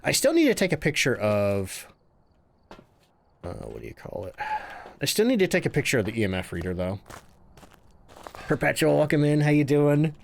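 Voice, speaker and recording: A man's voice: a little high, wildly swooping pitch, moderate pace, creaky, pauses often, slight background noise. A man streaming a horror game, chatting casually with viewers and musing to himself as he plays.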